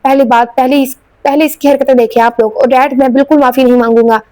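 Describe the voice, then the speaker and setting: A woman's voice: high-pitched, steady tone, dark tone, no room sound, close to an everyday voice. Angry young man in an audio novel, read by a woman, threatening tone. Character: hot-tempered young man.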